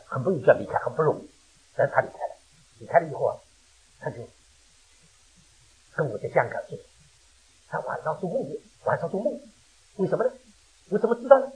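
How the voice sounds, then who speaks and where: An older male preacher with a very husky, worn voice gives a sermon. He talks fast, and his pitch leaps high and drops low as he moves from emphatic questions to hushed storytelling. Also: low-quality recording. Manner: animated, rising to loud emphatic questions then dropping low. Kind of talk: sermon with personal testimony.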